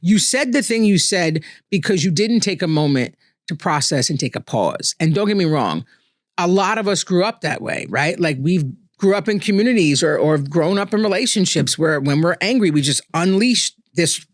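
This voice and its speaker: Earnest man musing, slightly high voice. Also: lively intonation, moderate pace, no echo, studio quality. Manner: earnest, conversational, often adds "right?". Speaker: podcast host. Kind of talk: reflective solo monologue.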